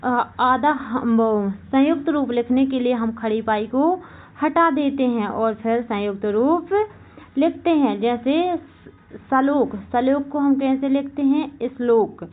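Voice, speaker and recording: A woman teaching a Hindi grammar class for exam candidates, slowly repeating each point and asking questions that she answers herself. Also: sits high, phone-quality sound. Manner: slow and repetitive, asks questions and answers them herself; keeps saying "okay, remember this". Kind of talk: exam-prep class lecture.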